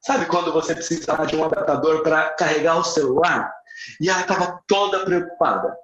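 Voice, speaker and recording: A man's voice: fairly high pitch, brisk, fairly bright tone. A middle-aged Brazilian man with a Brazilian accent, teaching English in a live online class. He switches between English phrases and their Portuguese translations and stretches key words for emphasis. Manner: says phrases in English, then repeats them in Portuguese. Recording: echoey room, slightly dull sound.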